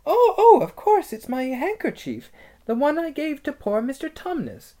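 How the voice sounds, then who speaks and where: A man voicing an eager, kind little girl in a storybook, high and breathlessly excited. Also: a little fast, heavily acted.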